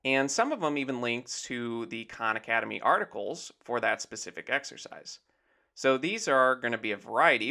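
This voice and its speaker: Bright-voiced man explaining his website. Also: medium pitch, gravelly. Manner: easygoing, explanatory, leans on "basically" and "essentially". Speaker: math teacher and tutor. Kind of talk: casual screen-share walkthrough.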